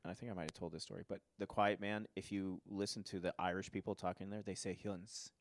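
A man's voice: deep voice, level tone, quick pace, slight background noise. A man hosting a podcast, chatting casually and telling stories in long runs. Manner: storytelling, talks in long runs. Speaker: podcast host. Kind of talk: casual chat.

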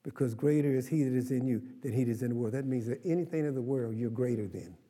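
An older pastor preaches to his congregation, coaxing replies from the pews and then rising into ringing exclamations. His voice sits at an ordinary male pitch. A long reverb from the church hall trails after every phrase. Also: quick pace, mellow. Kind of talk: sermon.

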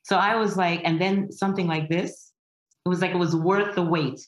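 A woman's voice: on the low side, steady tone. A woman stage actress from Berlin, chatting in an interview, hesitant with many "uh"s and asides. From Berlin, Germany. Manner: hesitant, full of "uh"s and quick asides. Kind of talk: casual interview chat. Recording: echoey room, slightly dull sound.

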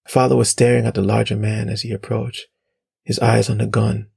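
A man reading his own story aloud in steady, measured narration. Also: on the low side, creaky, husky, no echo, studio quality. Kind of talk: audiobook narration.

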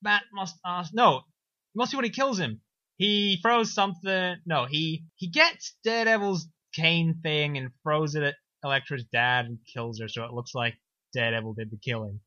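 A young man casually recapping a film on a podcast, sarcastic and animated, slipping into silly voices. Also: a little high, normal speed, dry recording. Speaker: podcast co-host. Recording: dull lo-fi dry recording.

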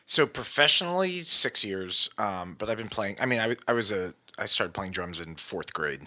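A man's voice: lowish voice, lively intonation, moderate pace, pushed and bright. A man in his thirties talking casually as a podcast guest, easygoing and self-deprecating. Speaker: podcast guest, musician and photographer. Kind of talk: casual interview chat. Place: living room.

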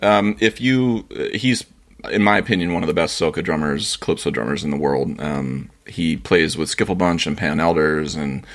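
A man's voice: rumbling low, normal speed. A man hosting a casual interview in an absent-minded, scattered way, often losing his thread as he talks. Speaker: podcast host interviewing a guest.

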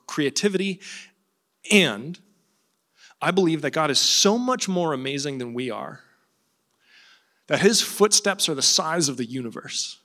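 A man preaching a sermon, telling stories and acting out the voices of the people in them. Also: on the high side. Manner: animated storytelling with acted-out quotes.

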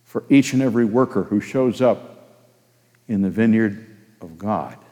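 A man's voice: on the low side, unhurried, mellow. An older man preaching a sermon, folksy and anecdotal, telling personal stories and asking the congregation questions. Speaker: pastor. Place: church sanctuary. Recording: long hall reverb. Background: long hall reverb.

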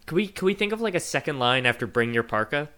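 A man's voice: on the high side, sing-song, fast talker, sharp tone. A man co-hosting a podcast in casual chat, self-deprecating and full of "like" fillers. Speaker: podcast co-host.

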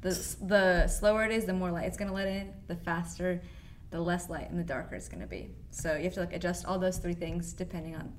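A woman guest on a podcast explains things in a loose way, filling her talk with fillers. Her voice sits a little low. Clicking noises come through clearly behind her. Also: a little fast, a little hiss or hum. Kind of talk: casual chat.

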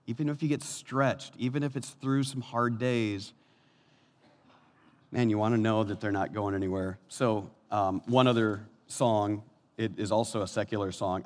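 A man in his fifties preaching a sermon, animated, his voice swinging from soft and low to loud and high. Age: 50s. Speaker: pastor. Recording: long hall reverb.

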